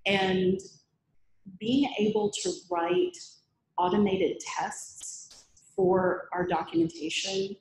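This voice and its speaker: A woman with a medium-pitched voice speaks slowly as she gives a lively, chatty meetup talk full of self-deprecating humor, then takes questions. The room is echoey, with slight background noise.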